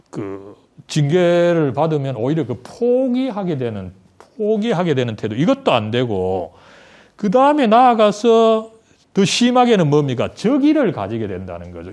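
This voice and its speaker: Lively, mellow-voiced Korean male teacher. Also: fairly high pitch, unhurried. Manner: conversational, tag question after nearly every sentence. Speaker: Bible study teacher.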